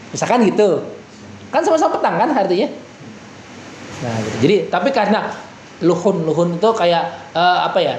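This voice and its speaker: A man teaching a relaxed Quran reading class, slowly chanting verses and then explaining in a chatty way with lots of fillers and everyday examples. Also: high voice, echoey room, slight background noise. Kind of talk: casual Quran reading lesson with recitation.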